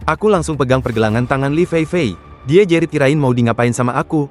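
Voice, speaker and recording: A man's voice: medium pitch, fast, faint music behind. A man narrating a horror comic recap in the first person, in a casual, slangy storytelling manner.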